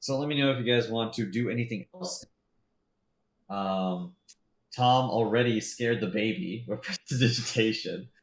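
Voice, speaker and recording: A man's voice: mid-range voice, moderate pace, reverberant. A man running a tabletop game as game master, narrating casually with lots of "like" and "uh". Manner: rambling, full of "like" and "uh".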